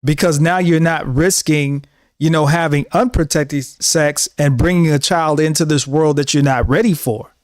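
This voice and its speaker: A man in his thirties hosts a show, delivering a casual monologue to camera that is earnest and preachy, with frequent repetition. His voice is a little high with fairly even intonation at normal speed, recorded dry with clean studio sound.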